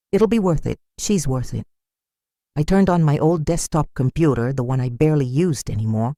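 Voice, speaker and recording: Sombre older woman storyteller, mellow voice. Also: deep voice, no room sound, studio quality. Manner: sombre, measured, wounded. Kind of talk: scripted first-person narration.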